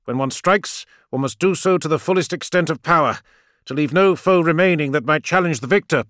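A man's voice: fairly high pitch, brisk, a bit bright, no echo, clean studio sound, pitched above the performer's own voice, natural voice. A male narrator voicing a zealous older priest who speaks in an impassioned, preaching manner. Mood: scornful. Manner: impassioned, preaching, rising declamation.

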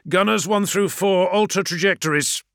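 A man's voice: high voice, moderate pace, fairly bright tone, clear, resonant tone, no room sound, studio quality, voice pushed up. A man voicing a wounded, battle-scarred male starship commander who barks harsh, grating orders. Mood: barking orders.

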